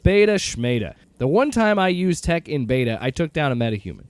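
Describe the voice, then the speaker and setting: In an audio drama, a male actor voices a gruff, determined agency director who speaks bluntly and casually, sometimes hesitating as he searches for words. His fairly high voice is very animated and a little fast, breezy and confident, with no room sound.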